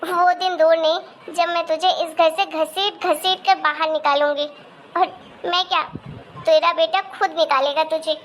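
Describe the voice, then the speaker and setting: In this homemade family drama, a woman plays a scheming young daughter-in-law with a very high, piercing voice. She is bossy and sneering, and turns sugary when it suits her. A faint hiss runs underneath. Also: steady tone, normal speed, fairly bright tone. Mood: threatening. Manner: sneering and bossy, turns sweet and whiny before her husband. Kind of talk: amateur Hindi family-drama acting.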